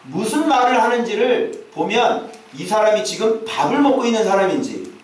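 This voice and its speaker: A man's voice: sits high, very animated, moderate pace. A male pastor preaching a sermon, talking to the congregation with constant rhetorical questions and casual asides. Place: church sanctuary. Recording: very echoey church hall, mic far off.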